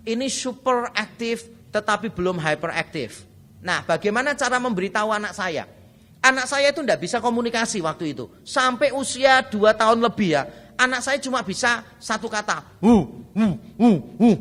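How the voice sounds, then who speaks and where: A pastor giving a parenting seminar, speaking with a light tinge in a chatty, humorous way and often addressing the audience directly. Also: male voice, high voice, bright, forceful tone.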